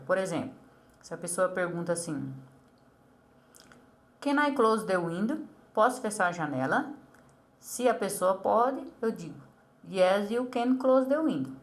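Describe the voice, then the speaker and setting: A woman with a Brazilian accent teaches English to a child. She explains patiently and says each example phrase slowly and carefully. Her voice sits at a medium pitch. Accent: Brazilian Portuguese.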